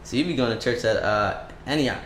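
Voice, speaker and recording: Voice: mid-range voice, a little fast, over a noisy crowd. A show host interviewing a guest in an informal, slangy way, often repeating short phrases. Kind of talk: casual interview chat. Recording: roomy echo with faint background noise.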